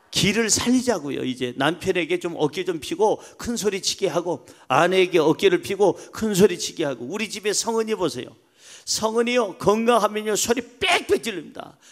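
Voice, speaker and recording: A man preaching a Sunday sermon as pastor, emphatic, swinging between loud calls and soft asides. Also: high voice. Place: church sanctuary.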